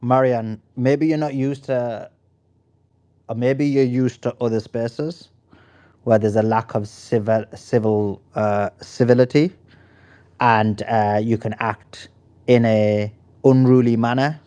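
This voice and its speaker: A man hosting an online audio debate in a mid-range voice. He speaks firmly and deliberately, calling on speakers and setting rules. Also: mid-range voice, fairly even intonation, warm tone, clear, resonant tone. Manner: firm, measured and reproving. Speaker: host.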